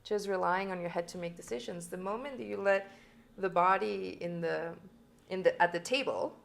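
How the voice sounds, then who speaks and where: Low, gravelly woman explaining earnestly. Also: moderate pace. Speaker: somatic intimacy coach, guest. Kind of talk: casual conversation.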